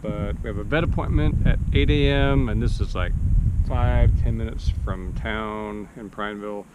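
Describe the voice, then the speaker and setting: Relaxed joking man, lowish voice. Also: normal speed, highs cut off, very noisy. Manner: relaxed, joking, plain-spoken. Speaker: van life vlogger. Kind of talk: casual vlog chat. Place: campsite by a van, outdoors.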